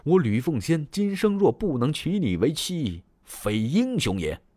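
A man's voice: on the high side, sing-song, measured pace, mellow, no echo, pitched above the performer's own voice. A male storyteller voicing a lovestruck, anxious young warrior general who talks in earnest, fretful exclamations.

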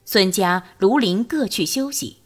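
A woman narrating a novel as an audiobook, reading in a lively, expressive storytelling way. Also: mid-range voice, measured pace, slightly rough.

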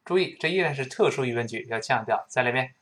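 A man giving a spoken English lesson with a lively, swinging pitch. He breaks words into single sounds and repeats them slowly for listeners to copy. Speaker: English teacher.

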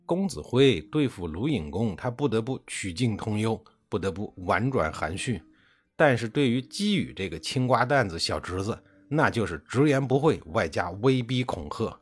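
A male history storyteller with a low, husky voice that rises and falls expressively. He narrates in a chatty, colloquial way, stretching out the ends of his phrases. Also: very animated. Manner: colloquial, chatty, with drawn-out particles.

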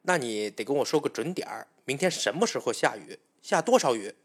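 A hot-headed dragon king from an old tale, swaggering and quick to threaten, as a man voices him. He talks big and blusters, sure nobody can outdo him. The voice stays mid-pitched, in a plain storytelling register. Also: expressive, breathy edge. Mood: blustering. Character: boastful male dragon king, rash and hot-tempered.

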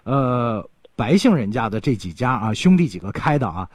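A man's voice: medium pitch, moderate pace, husky, no room sound, clean studio sound. A man hosting a casual radio interview, telling things in a chatty way with playful exclamations. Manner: animated storytelling with playful local exclamations. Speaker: radio host interviewing guests.

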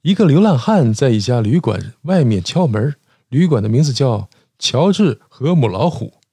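Lively, mellow-voiced male joke-teller. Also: mid-range voice, normal speed, breathy edge, dry recording. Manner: lively storytelling with acted dialogue. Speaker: host. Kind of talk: telling short jokes.

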